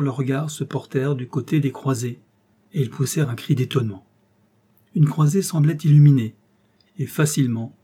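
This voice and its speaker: A male audiobook narrator reads a novel in a measured, even storytelling style. His voice is dark and mellow, with a husky, slightly breathy edge. His pitch sits in an ordinary middle range. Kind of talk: scripted literary narration.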